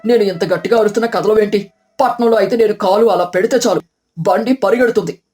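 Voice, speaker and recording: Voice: mid-range voice, fast talker, a little mellow, lightly acted. A voice performer playing a boastful young city son-in-law in a storybook tale, bragging and bossy.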